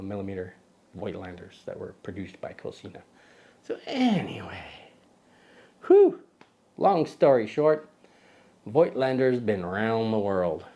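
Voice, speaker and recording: Male vlog host, lowish pitch, chatty and digressive, self-correcting with jokey asides, outdoor recording. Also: gravelly, darkish tone. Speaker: host of a camera lens video. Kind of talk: casual vlog lens review.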